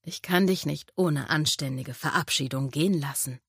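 Woman reading as an amorous young man, velvety low murmur, deep, dry close sound. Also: fairly quick, no room sound.

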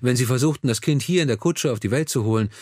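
A man reading a historical novel aloud in a measured, dramatic narration. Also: medium pitch, a little mellow, husky, dry recording, clean studio sound. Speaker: audiobook narrator. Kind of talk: scripted narration.

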